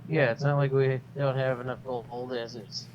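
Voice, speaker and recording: A man's voice: mid-range voice, level tone, moderate pace. A man playing a tabletop game over a video call, talking bluntly and casually through a muffled, tinny microphone that sounds like he is inside a metal can. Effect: muffled tinny mic, like speaking inside a metal can. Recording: dull lo-fi call audio with faint hiss.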